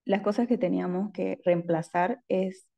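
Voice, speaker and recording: A woman's voice: fairly low pitch, moderate pace, vocal fry, warm tone, muffled recording. A woman student in an online French class, asking questions hesitantly and searching for words.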